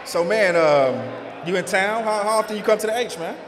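A man's voice: high-pitched, lively intonation, moderate pace, a crowd in the background. A man hosting a casual interview at a live brunch event, laid-back and saying "man" a lot. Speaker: podcast host.

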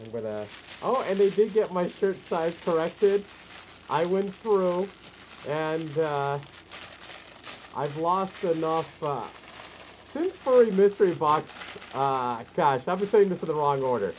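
Halting host talking inside a fursuit head. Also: mid-range voice, lively intonation, slight background noise, rough recording. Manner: halting, many fillers and restarts. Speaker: unboxing video host. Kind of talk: casual unboxing chat.

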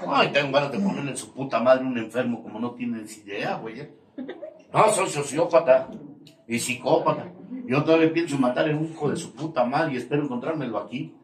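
A man's voice: medium pitch, a little fast. An older man with a Mexican accent speaks to a recovery group, crude, mocking and confrontational, swearing constantly and laughing at his own jabs. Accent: Mexican Spanish. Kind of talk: profane testimony to a support group. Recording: echoey room, mic far off, faint noise.

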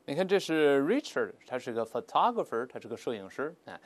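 A man teaching an English vocabulary lesson, explaining patiently and drawing out example words slowly for students to repeat. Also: mid-range voice. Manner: lively, drawls English words slowly for repetition; explains patiently with filler particles.

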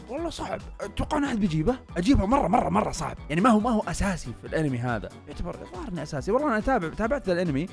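A young man, streaming a drawing game and chatting excitedly with his viewers, with frequent laughter and shouting. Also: fairly high pitch. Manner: fast, excitable, bursts of loud laughter and shouting. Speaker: streamer and YouTuber. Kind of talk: excited live-stream gaming commentary.

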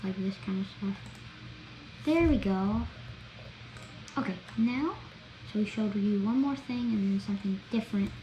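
A woman talking through a video game as she plays, chatty and excitable, narrating each step. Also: mid-range voice. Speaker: gameplay vlogger. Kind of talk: gameplay commentary. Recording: roomy echo, faint background noise.

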